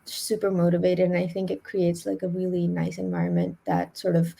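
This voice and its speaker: A young woman from India, a student panelist, talking in a quick, casual way with many fillers. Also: fairly low pitch, gravelly, dark tone, slightly rough. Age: young adult.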